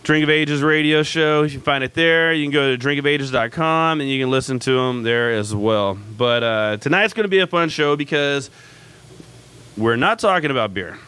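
A man hosts a live radio show from a pub in a bright, forceful voice with a crisp, resonant tone. He talks casually and pokes fun at himself, with lots of "uh"s. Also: medium pitch, moderate pace. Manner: chatty, self-mocking, frequent fillers.

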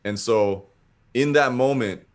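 This man's mid-range voice moves slowly as he casually drifts through a lengthy story. Cursing as he goes, he animates the retelling by voicing the quotes of the people involved.

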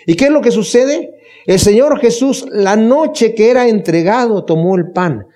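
A man's voice: high voice, normal speed, warm tone. A man preaching a Bible study sermon, speaking earnestly and emphatically, asking his listeners rhetorical questions and addressing them fondly. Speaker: pastor leading a Bible study.

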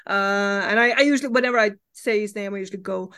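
A woman's voice: medium pitch, quick pace, a bit bright, smooth. A woman from Norway with a Norwegian accent, a guest comics writer chatting candidly in an interview, laughing easily and swearing casually.

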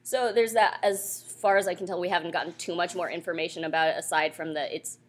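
A woman's voice: lowish voice, steady tone, fast. A young woman co-hosting a podcast live at a convention panel, chatting casually and rambling with many fillers. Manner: rambling, with frequent fillers and laughs. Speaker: podcast co-host. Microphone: handheld mic.

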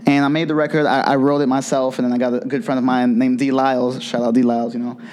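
A man's voice: mid-range voice, flat delivery, fast, darkish tone, a little hiss or hum. A young man, a DJ and producer, answering interview questions casually and eagerly. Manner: casual and eager, lots of fillers. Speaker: DJ and producer guest. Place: office space during an event.

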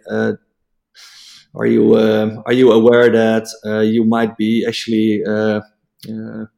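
A native Dutch speaker from the Netherlands explains a technical topic as an interview guest, speaking with a Dutch accent. His voice is fairly low, a little mellow, with vocal fry, and he's halting, full of fillers and restarts.

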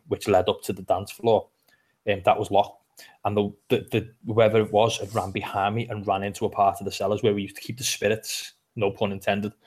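A man's voice: on the low side, darkish tone. A man with a Liverpool accent, co-hosting a casual podcast chat and telling stories in a chatty way. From England. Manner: chatty storyteller, swears now and then. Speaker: podcast co-host.

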